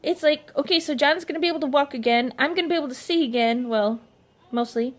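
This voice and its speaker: A woman's voice: high-pitched, fast. A middle-aged woman and mother talking in a casual personal vlog, rambling and emotional, often restarting her sentences. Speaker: vlogger, mother. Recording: faint background noise.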